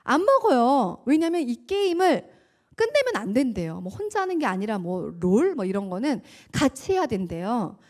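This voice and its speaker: A woman's voice: on the high side, very animated, normal speed, a little mellow. A woman giving a church testimony as a guest speaker, telling her story vividly, acting out dialogue and laughing often.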